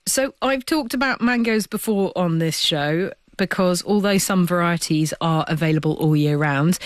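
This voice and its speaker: A woman's voice: fairly low pitch, normal speed, no room sound, clean studio sound. A woman hosting a radio science programme, moving between scripted presenting and panel chat. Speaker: science radio show host.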